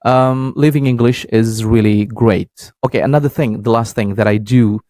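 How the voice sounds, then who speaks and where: A young man with an Indonesian accent, hosting a podcast in a halting, casual way and laughing easily. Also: medium pitch, darkish tone, no room sound. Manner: hesitant, many fillers and restarts, laughs easily. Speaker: podcast host and English learner. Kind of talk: casual practice talk.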